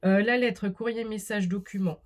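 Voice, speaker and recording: A woman's voice: mid-range voice, steady tone, moderate pace. A woman doing a casual spoken card reading, talking straight to the viewer with many fillers and restarts. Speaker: card reader.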